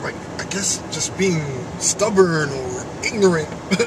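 A man's voice: on the high side, measured pace. A man in his twenties chatting casually for a vlog, rambling and weary, swearing freely. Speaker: video creator, vlogger. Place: inside a car. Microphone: camera in the car, off from the mouth. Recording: noisy car interior, distant mic.

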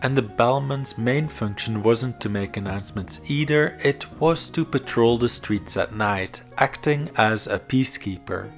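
A man's voice: medium pitch, a little slow, few pauses. Man narrating history over music. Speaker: video narrator. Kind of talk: scripted educational history narration. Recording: background music under voice. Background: instrumental music.

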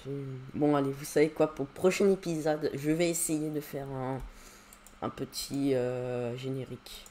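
A man's voice: medium pitch, steady tone, moderate pace, darkish tone, a little hiss or hum. A man giving casual, rambling gameplay commentary at his computer, hesitating often with fillers. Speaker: YouTuber.

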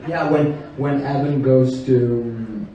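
Young man, animated panel guest, distant echoey hall. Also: mid-range voice, takes it slowly, dull audio, crowd noise. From Italy. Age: 20s. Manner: animated, gushing, laughs easily. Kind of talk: casual panel chat. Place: convention stage, indoor hall. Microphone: handheld mic, far camera. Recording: echoey hall from far off, faint noise.

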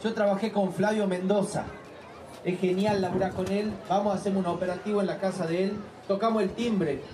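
A man with a Tucumán Argentine accent doing live stand-up comedy, with a rapid, bawdy punchline delivery. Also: sits high, steady tone, background noise. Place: outdoor festival stage. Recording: distant, echoey live stage recording with crowd.

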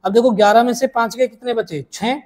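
A man teaching a maths lesson, repeating each step slowly and calling his students dear children. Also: extremely high pitch.

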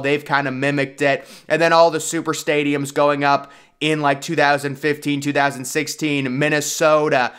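A man's voice: on the high side, a bit bright, clear, resonant tone. A young man giving casual, opinionated commentary in a voice-over, enthusiastic and conversational. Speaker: YouTube sports commentator.

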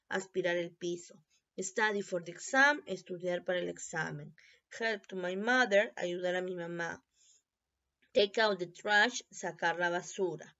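A woman teacher giving a recorded review lesson, explaining in Spanish and repeating English phrases slowly for pronunciation. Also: mid-range voice, fairly bright tone. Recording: dull lo-fi recording.

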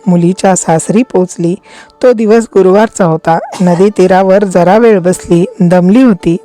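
A woman narrating a devotional folk story at a measured, steady pace, with soft music behind. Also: fairly low pitch.

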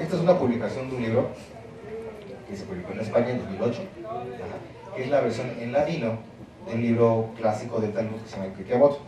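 Male lecturer, mid-pitched, emphatic and explanatory, heard from far off in a booming lecture hall with an audience. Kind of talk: university lecture. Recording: very echoey hall, mic far off, audience noise.

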